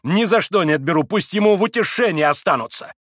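A man's voice: high-pitched, expressive, fast talker, a bit bright, no echo, studio quality, voice pushed up. A man reading an audiobook, voicing a hot-headed young nobleman who speaks boisterously. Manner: boisterous, breathless.

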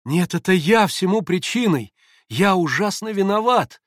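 A man's voice: on the high side, lively intonation, moderate pace, no echo, studio quality, voice pushed up, lightly acted. A man reading aloud and voicing an earnest, remorseful young man who speaks in an anxious, pleading way.

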